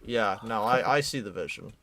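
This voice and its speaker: A British man streaming his 3D modelling work, chatting casually with a friend in a relaxed, self-deprecating way and cracking dry jokes. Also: lowish voice, moderate pace. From United Kingdom. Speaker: streamer, 3D artist. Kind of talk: casual chat while working.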